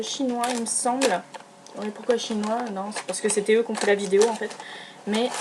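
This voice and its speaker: Her voice sits a little high and a little mellow, with slight background noise behind it. A young adult beauty vlogger, she chats enthusiastically and hesitantly through a haul of beauty products, restarting often and using many fillers.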